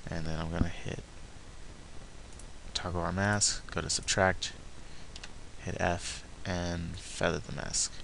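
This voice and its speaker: A man narrating a software tutorial step by step, haltingly talking through each action as he does it. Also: low voice, little pitch movement, vocal fry, a little hiss or hum, low-quality recording. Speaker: tutorial presenter.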